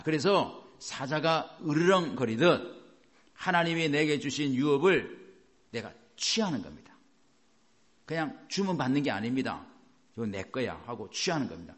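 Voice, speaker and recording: A man pastor preaching a sermon, emphatic and asking the congregation rhetorical questions. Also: medium pitch.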